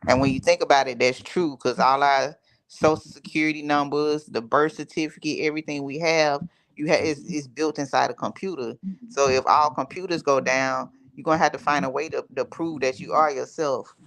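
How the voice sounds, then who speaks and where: A man's voice: on the high side, fairly even intonation, normal speed, creaky, a bit bright. Easygoing man explaining things plainly. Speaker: livestream guest. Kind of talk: casual livestream chat.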